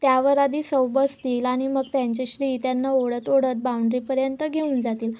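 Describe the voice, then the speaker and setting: A woman's voice: high voice, flat delivery, moderate pace, a little mellow, no room sound, close to an everyday voice. A woman reading a male contest announcer. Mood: announcing. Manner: announcing, explanatory.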